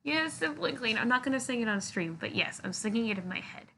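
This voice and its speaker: A woman's voice: fairly high pitch, animated, a little fast, creaky, sharp tone. Playful woman streamer with a sore jaw. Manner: playful, giggly. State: sore jaw after wisdom tooth surgery, can't open mouth far. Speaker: live streamer chatting with viewers. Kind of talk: casual chat. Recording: noticeable background noise.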